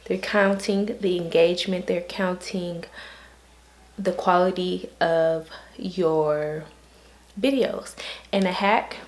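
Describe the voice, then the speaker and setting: A woman's voice: fairly low pitch, fairly even intonation, slow. A woman vlogger talking casually and upbeat to her viewers, playful when playing a game at home. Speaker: lifestyle vlogger. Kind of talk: casual vlog talk to camera. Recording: echoey room with clear background noise.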